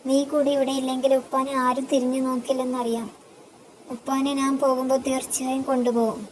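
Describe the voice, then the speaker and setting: A woman voicing a caring elder sister figure who consoles gently but firmly. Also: high voice, level tone, a little fast, noisy background, close to an everyday voice. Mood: consoling. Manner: soothing yet firm.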